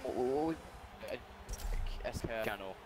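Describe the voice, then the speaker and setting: Male caller, casual chat, mic cutting out and lagging, hissy line, very lively pitch. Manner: halting, fragmented phrases. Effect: mic cutting out, lagging and breaking up. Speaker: friend on a voice call. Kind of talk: casual chat over a gaming stream. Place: at home. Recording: noisy call mic with dropouts.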